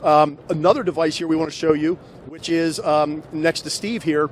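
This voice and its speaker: In a large, busy indoor trade show hall, a middle-aged man gives a conversational promotional product demo into a handheld microphone. His fairly high voice is steady at a normal speed, and the exhibition hall's background noise comes through clearly.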